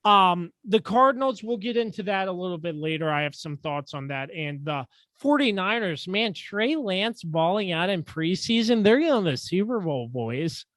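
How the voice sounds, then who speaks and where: A man's voice: high-pitched, big pitch swings, moderate pace, few pauses, fairly bright tone, dry recording. Sarcastic man hosting a sports podcast. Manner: sarcastic, jokey, stumbles over words. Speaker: podcast host. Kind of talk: casual sports chat.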